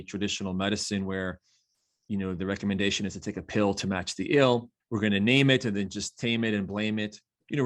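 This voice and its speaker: New jersey guy in his 50s, a doctor, low-ish voice, talks all excited in an interview. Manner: enthusiastic, rhyming catchphrases. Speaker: physician guest. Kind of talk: casual interview chat.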